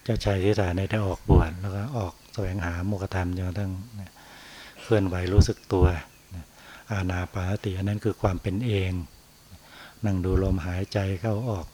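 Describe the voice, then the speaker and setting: A man, a Buddhist monk, giving an unhurried dharma talk on meditation and tagging his phrases with a soft particle. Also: low voice, level tone, a little hiss or hum.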